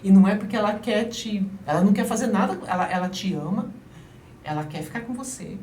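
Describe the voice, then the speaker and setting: A woman guest explaining child-rearing methods in an emphatic, lively way during an interview. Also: mid-range voice, brisk. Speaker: guest, parenting advisor. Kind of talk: interview conversation. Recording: roomy, distant mic, faint noise.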